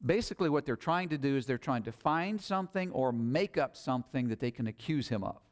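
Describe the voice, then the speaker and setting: A man's voice: medium pitch, lively intonation, fairly quick. A man preaching a sermon, retelling scripture in plain, conversational paraphrase.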